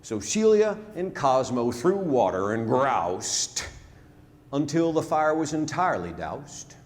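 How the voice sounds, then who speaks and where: A man recites a narrative poem in rhyming verse during a live performance in a big theatre, building his phrases up before dropping them to a hush with dramatic, deliberate pacing. His mid-range voice swings widely in pitch, captured with long reverb and plenty of noise.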